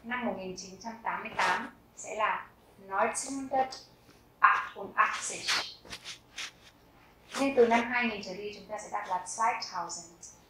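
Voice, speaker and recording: A woman in her thirties giving a language lesson, repeating each example phrase slowly and deliberately. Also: mid-range voice, far from the mic, noisy background. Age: 30s. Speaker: German teacher. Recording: very echoey room.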